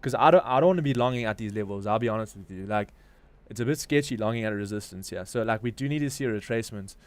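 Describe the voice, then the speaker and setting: Speaking quickly in a lowish voice, a South African-accented crypto trading livestream host from Durban offers live market commentary. He is informal and slangy, thinking out loud as he goes.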